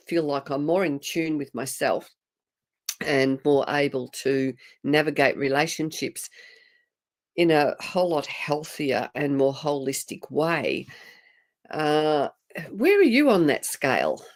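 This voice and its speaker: A woman co-hosting a live video chat, talking in a chatty, reflective way. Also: sits low. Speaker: co-host of a live wellbeing chat.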